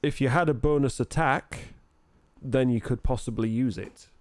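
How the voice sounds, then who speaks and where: A man's voice: mid-range voice, normal speed, darkish tone. A man running a tabletop game as game master, explaining rules in a blunt, bantering, casual way.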